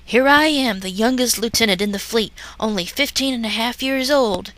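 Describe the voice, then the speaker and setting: A woman's voice: fairly high pitch, normal speed, a bit bright, lightly acted. A woman voicing a gushing, eager teenage girl lieutenant in a hammy, theatrical dramatic reading of a parody story. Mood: gushing delight. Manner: hammy, theatrical, wide-eyed.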